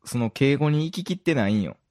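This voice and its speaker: A man's voice: medium pitch, animated, brisk, a little mellow. A man with an Osaka-area Kansai accent chatting casually and giggly as a podcast host. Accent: Kansai (Osaka-area) Japanese. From Kansai, Japan. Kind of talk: casual chat.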